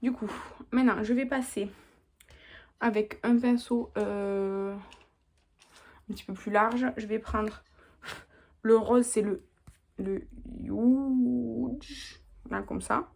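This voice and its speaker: A woman's voice: medium pitch, fairly even intonation, slow, long pauses, darkish tone, slight background noise. A young woman, chatting casually through a makeup tutorial as she works. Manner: chatty, talks while working, lots of little "hop"s. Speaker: beauty vlogger.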